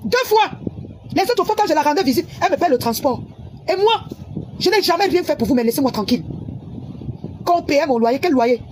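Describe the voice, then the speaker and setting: A high-pitched woman rants heatedly into her phone camera, scolding her audience and repeating her points. Loud background ambience and passing traffic fill the recording. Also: expressive, fairly quick, pauses often. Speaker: social media personality. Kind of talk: angry livestream rant.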